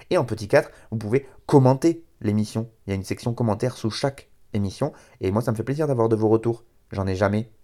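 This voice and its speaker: A man's voice: lowish voice, darkish tone. A man from France hosting a rap radio show, talking casually with many fillers and self-corrections.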